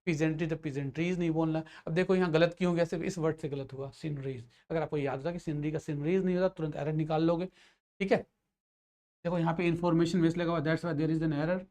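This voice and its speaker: A male teacher explains English grammar rules in Hindi, with a voice a little higher than most men's. He talks patiently, mixes in English phrases and keeps checking that his students have understood. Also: fairly even intonation, a little fast, a little mellow. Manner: explains patiently, repeats checks like "theek hai". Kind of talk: grammar lesson for exam students.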